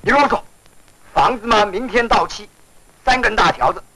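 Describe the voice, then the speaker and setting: An actor playing an arrogant, bullying landlord who shouts contemptuously, in 1940s film acting. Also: male voice, high-pitched, normal speed. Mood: scornful. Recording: hissy noisy old film soundtrack.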